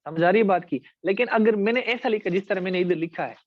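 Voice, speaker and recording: This is a teacher, a man with a Pakistani Urdu accent and a high voice, lecturing a class on essay writing. Pausing frequently to ask if students understand, he addresses them directly and slowly elongates words to display the syllables. There's no echo; the recording sounds close and dry but somewhat muffled and dull.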